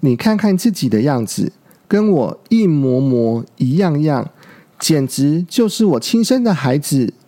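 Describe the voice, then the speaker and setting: A man's voice: fairly high pitch, big pitch swings, a little slow, warm tone. A man voicing a sly, menacing adult male tyrannosaur in a children's storybook, who coaxes and chuckles with a sneer. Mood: scornful.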